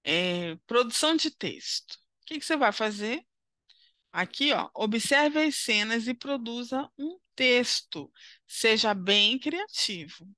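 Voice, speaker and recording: A slow, patient woman teacher with a Brazilian Portuguese accent and a bright, fairly high voice. She talks a young class through a worksheet, kind and encouraging, checking in after almost every step. The recording is close and dry. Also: expressive, no echo. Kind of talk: primary school lesson walkthrough.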